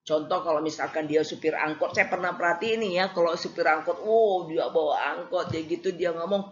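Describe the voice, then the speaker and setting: A woman's voice: lowish voice, a little fast. A woman lecturer giving a casual classroom lecture, hesitating with many fillers and acting out examples. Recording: slightly dull lo-fi recording.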